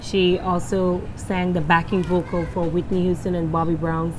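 A young adult woman with a Guyanese accent, a singer being interviewed, answers questions confidently, speaking with emphasis and laughing often. Her voice is on the low side with little pitch movement at normal speed. She is on an outdoor terrace by a balustrade, the interviewer holds a handheld mic, and there is background noise.

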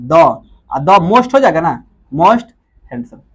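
A man teaching English grammar in a classroom-style lecture, who keeps asking questions and answering them himself and repeats key words slowly. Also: fairly high pitch, very animated, fairly bright tone, breathy edge.

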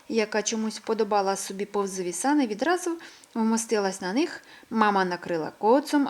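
A woman reading a children's story aloud in a gentle, expressive way. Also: medium pitch.

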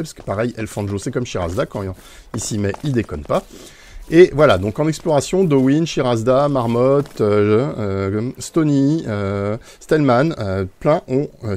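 This Minecraft streamer speaks in a medium-pitched, slightly mellow voice. He chats casually as he plays, rambling along with lots of "euh" fillers and little chuckling asides.

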